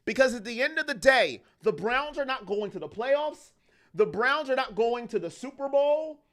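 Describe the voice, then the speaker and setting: A man's voice: very high voice, expressive, a bit bright. A man hosting a fan livestream, ranting heatedly about his team and reading chat messages aloud. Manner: heated, ranting, fast-shifting intensity. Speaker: fan channel host.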